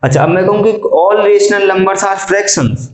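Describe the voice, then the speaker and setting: A male math teacher lecturing a classroom, quizzing students and repeating key statements slowly. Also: high-pitched. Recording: echoey classroom.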